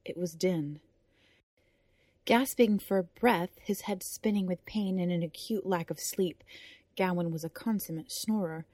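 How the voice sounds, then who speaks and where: A woman narrating a chapter of a serialized fantasy story podcast with expressive storytelling. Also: on the low side, measured pace, no echo, studio quality. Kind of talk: audiobook narration.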